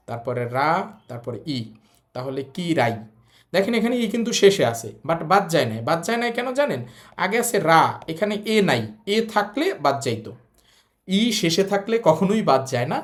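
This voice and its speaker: A language teacher gives a recorded lesson. The teacher explains patiently, repeating points and spelling out syllables one by one. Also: mid-range voice.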